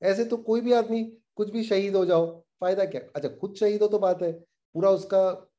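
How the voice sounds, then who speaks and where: Indignant man explaining the news, mellow tone. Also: sits high, normal speed, highs cut off. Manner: animated, indignant, mixes English phrases into his talk. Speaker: host explaining current affairs. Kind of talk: casual explainer commentary.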